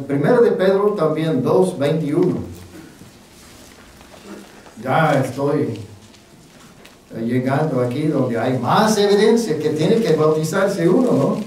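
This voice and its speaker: Slow-talking male pastor in echoey church. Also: fairly high pitch, darkish tone. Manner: unhurried, folksy, self-deprecating, many fillers. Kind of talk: sermon. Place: church sanctuary. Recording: very echoey church, mic at a distance.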